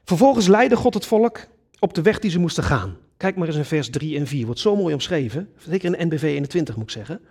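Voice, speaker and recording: A man's voice: fairly high pitch, fast talker, husky. A man preaching a sermon, earnest and emphatic, addressing his congregation directly. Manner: earnest, lively preaching with sudden emphatic rises.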